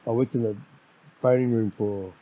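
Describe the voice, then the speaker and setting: This podcast guest is a middle-aged man from New Zealand, loud and domineering in casual talk, prone to rambling and stumbling over repeated words at the start of sentences. His mid-range voice keeps a fairly even intonation at normal speed, and the audio quality is poor.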